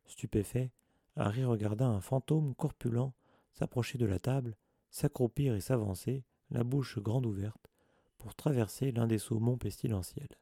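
Gravelly dark-voiced man reading a storybook. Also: mid-range voice, normal speed, dry recording, clean studio sound. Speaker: audiobook narrator. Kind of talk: storybook narration.

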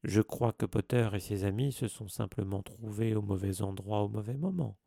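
Casting : homme jouant un professeur sarcastique et méprisant. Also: male voice, fairly low pitch, normal speed, gravelly, dark tone, dry recording, clean studio sound. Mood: narquois. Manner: sneering, mocking. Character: cold sneering male teacher.

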